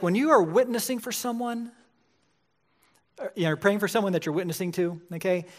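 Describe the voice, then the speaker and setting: Forties guy preaching a sermon, kinda high voice, chatty, always asking right?. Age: 40s. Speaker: pastor.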